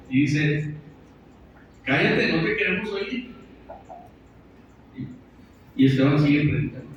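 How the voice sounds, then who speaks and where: Conversational preacher in an echoey church. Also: male voice, fairly high pitch, a little hiss or hum. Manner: conversational, asks and answers his own questions. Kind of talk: sermon. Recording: echoey church from far off, dull.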